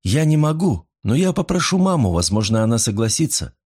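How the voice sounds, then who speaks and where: A man's voice: mid-range voice, very animated, brisk, darkish tone, husky, voice pushed up. A man voicing an earnest, good-natured young man who speaks politely.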